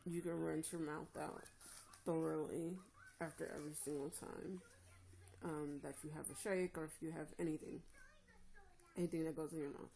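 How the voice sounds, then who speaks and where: A woman's voice: low voice, steady tone, moderate pace, pauses often, dark tone. A tired woman recovering from surgery, casually giving practical advice to viewers in a vlog. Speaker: vlogger sharing her jaw surgery recovery. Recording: echoey room with clear background noise.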